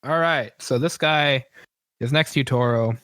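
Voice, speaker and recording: A man running a tabletop game as game master, explaining rules in a casual, halting way. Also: medium pitch, a bit bright, no room sound.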